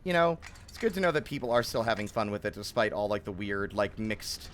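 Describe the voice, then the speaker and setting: A man's voice: on the low side, animated, brisk, a bit bright, slight background noise. A man live streaming a game, chatting informally with his viewers and often interrupting himself. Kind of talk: casual live stream chat while playing.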